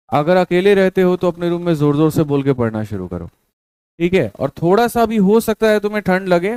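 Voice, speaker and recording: A man's voice: sits high, a little mellow, clean tone, no room sound. A man giving colloquial motivational study advice to exam students, repeating his points and calling them brother.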